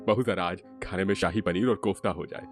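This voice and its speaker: A man's voice: deep voice, a little fast, faint music behind, close to an everyday voice. A man voicing an easygoing, agreeable father-in-law in a cartoon story. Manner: agreeable, food-loving.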